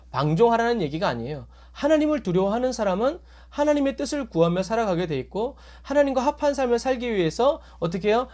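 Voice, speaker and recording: A man preaching a sermon as a pastor. He asks the congregation questions and answers them himself, and he acts out quoted lines with jumps in his voice. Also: a little mellow. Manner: acts out quoted voices with sudden rises in pitch.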